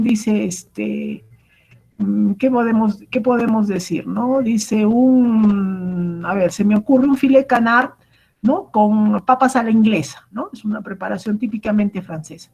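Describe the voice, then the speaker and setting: Woman, culinary instructor, husky voice, gravelly edge, explanatory lecture. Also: medium pitch, a little mellow, poor audio. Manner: explanatory, keeps asking "¿correcto?" and "¿no?"; many fillers and restarts. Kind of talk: online cooking lecture.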